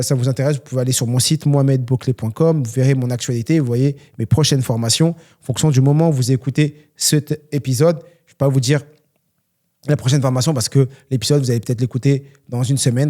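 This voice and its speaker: A young Frenchman hosts a solo question-and-answer podcast as a trainer, speaking earnestly and motivationally with many fillers. His medium-pitched voice is steady and warm, and he talks fairly quickly.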